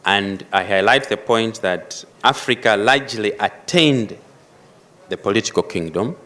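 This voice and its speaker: A man giving a formal panel address, measured and emphatic, stressing key phrases as he goes. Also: lowish voice, a bit bright. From Malawi. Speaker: panel speaker.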